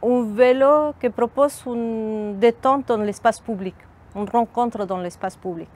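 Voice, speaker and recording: A middle-aged woman from Mexico, whose first language is Spanish, speaking French with a Mexican Spanish accent. She is a community outreach worker giving a thoughtful interview, pausing and restarting her phrases as she searches for words. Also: on the high side, darkish tone, a little hiss or hum. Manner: thoughtful, hesitant, frequent restarts. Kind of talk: documentary interview testimony.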